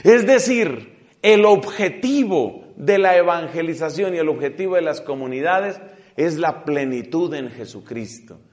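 Man, priest, fairly high voice, middle-aged, emphatic retreat talk, stretched words, trailing off soft. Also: animated, normal speed. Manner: emphatic, drawing out key words then dropping his voice. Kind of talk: spoken retreat talk to clergy.

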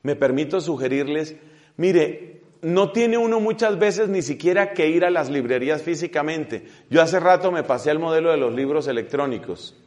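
Man, priest, fairly high voice, middle-aged, emphatic retreat talk, stretched words, trailing off soft. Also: expressive, moderate pace. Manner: emphatic, drawing out key words then dropping his voice. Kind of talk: spoken retreat talk to clergy.

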